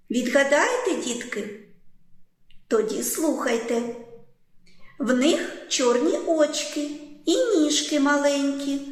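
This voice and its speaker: A woman teacher tells a fairy tale to small children. Her voice is high and very lively in pitch. She speaks slowly, in a gentle, coaxing sing-song. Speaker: preschool teacher.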